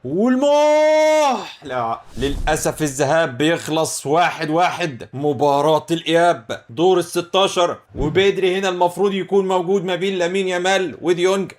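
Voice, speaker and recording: A young man with an Egyptian accent commentating his football video game, excitable and exclamatory as he reacts to plays. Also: on the high side, fast, hardly any pauses. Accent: Egyptian Arabic. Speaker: gaming channel host.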